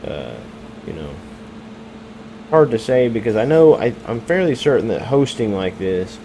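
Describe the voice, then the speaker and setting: Young American male streamer, mellow low voice, loose and rambling, hums of a fan under him. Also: sing-song, moderate pace, slight background noise, low-quality recording. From United States. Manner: rambling, hesitant, lots of fillers and self-corrections. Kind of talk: casual live-stream chat with chat readers.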